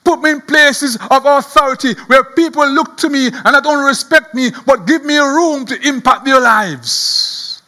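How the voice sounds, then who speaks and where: A man's voice: extremely high pitch, moderate pace, sharp tone. A man preaching a sermon, voicing a desperate young man earnestly begging God for blessing. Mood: pleading. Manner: pleading, earnest.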